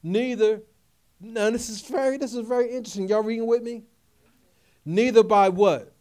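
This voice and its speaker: A middle-aged man delivers a sermon in a notably high voice. He preaches in emphatic, repeated phrases and keeps calling out questions to his listeners. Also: fairly even intonation, a little fast, warm tone. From Philadelphia area. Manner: call-and-response preaching, repetitive and emphatic. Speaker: pastor.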